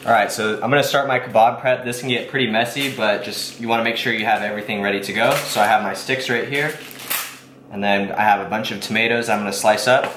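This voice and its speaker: A man's voice: mid-range voice, noisy background. A young man in his twenties giving a casual step-by-step cooking how-to in a home kitchen, explaining in an easygoing way. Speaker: fitness vlogger.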